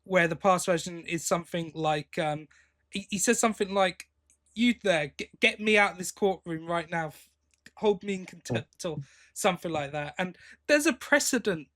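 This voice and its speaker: A man co-hosting a podcast talks casually about an audio drama, giving enthusiastic opinions and frequently starting over. He speaks at a moderate pace in a high-pitched, slightly bright voice.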